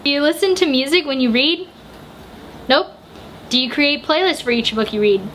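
A woman in her twenties from the United States, reading out viewer questions and answering them quickly in a casual home vlog. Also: sits high, animated, a bit bright, slight background noise. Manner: chatty, quick answers, reads questions aloud. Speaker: book vlogger. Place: home room with bookshelves, indoors.

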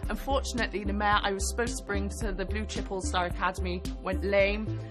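A woman's voice: mid-range voice, steady tone, a little fast, over music. A woman in her twenties from South Wales introducing herself as a contestant. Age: 20s.

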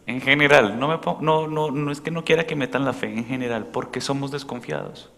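Priest preaching in a reverberant church. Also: male voice, mid-range voice, a little fast. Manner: questions the congregation directly, shifting from loud to soft.

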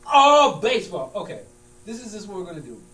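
A man's voice: sits high, big pitch swings, quick pace. A man acting out a stubborn, muddled, easily riled basketball coach in an argumentative comedy scene. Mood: indignant. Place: large room with small stage, indoors. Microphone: far camera. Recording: distant, echoey room with hum and noise.

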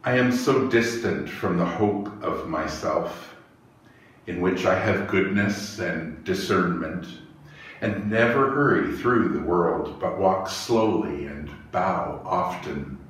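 A middle-aged man, the minister leading worship, reads poetry and prayer slowly and reverently in a small indoor chapel. His voice is low. Though he wears a lapel mic, the recording sounds echoey and distant, with faint hiss.

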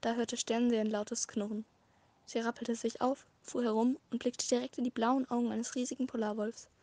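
A woman narrating a fan-written story as a short audiobook, with a measured, dramatic reading and occasional slips. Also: fairly high pitch, flat delivery, a little mellow, dry recording. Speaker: amateur audiobook reader.

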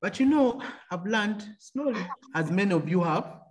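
A man's voice: high-pitched, lively intonation, moderate pace, slight background noise. A man, an engineer turned entrepreneur, telling stories about his faith and business in an interview. He laughs often and acts out the voices of other people. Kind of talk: faith-filled storytelling interview.

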